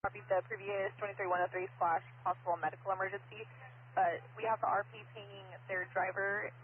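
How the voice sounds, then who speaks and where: A man's voice: sits high, flat delivery, fast talker. A man working as a police dispatcher over police radio, reading out plates and locations in clipped radio code. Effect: police radio transmission. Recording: tinny police radio with hiss.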